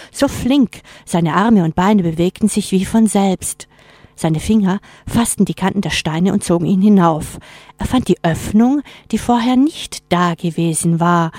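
A woman narrating a scripted horror story in a measured, suspenseful way. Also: medium pitch, a little mellow, no echo.

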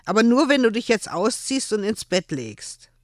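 A man's voice: high voice, sing-song, normal speed, dry recording, clean studio sound, voice pushed up. A man doing a firm, earnest young man. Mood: giving in. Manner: firm and coaxing.

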